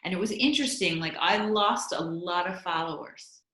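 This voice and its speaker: Chatty woman guest, kinda low voice, says like a lot, echoey room. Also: moderate pace, bright, forceful tone. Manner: candid, chatty, many likes. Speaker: guest, content creator. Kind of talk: podcast interview. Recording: roomy echo.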